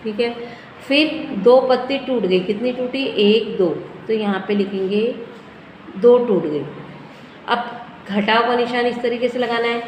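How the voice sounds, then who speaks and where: A woman, teaching a first-grade maths lesson, counting aloud slowly and asking and answering her own questions. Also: fairly high pitch. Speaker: primary school teacher. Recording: echoey hall with faint noise.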